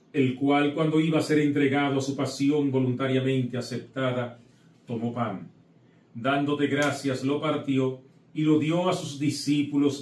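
A middle-aged priest with a mid-range, darkish voice delivers an encouraging sermon, followed by the Mass prayers recited solemnly. The setting is a small indoor chapel with an altar, and his voice comes from a distance in the room's echo.

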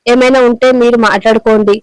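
A woman voicing a worried older lady of the house who speaks calmly and tries to settle a quarrel. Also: on the high side, fairly quick, clean tone, no echo, natural voice, low-quality recording. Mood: calming. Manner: calm, pleading for peace.

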